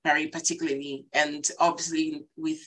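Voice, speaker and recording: Lower-voiced woman. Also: little pitch movement, fairly quick, a bit bright, low-quality recording. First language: Portuguese. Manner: thoughtful, hesitant, frequent restarts. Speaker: panelist. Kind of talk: panel discussion on a video call. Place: small room indoors. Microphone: laptop webcam mic, video call.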